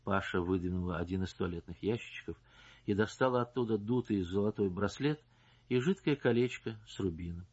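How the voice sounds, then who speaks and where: Husky male audiobook narrator. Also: lowish voice, fairly quick, a little mellow, dull audio. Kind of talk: scripted narration.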